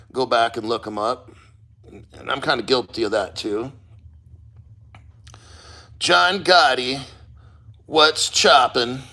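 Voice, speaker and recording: A man's voice: a little high, sharp tone. A man livestreaming casually from a cold water plunge, speaking bluntly as a host, with loose motivational rambling and casual swearing. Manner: talking while sitting in a cold water plunge. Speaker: livestream host of a crypto channel.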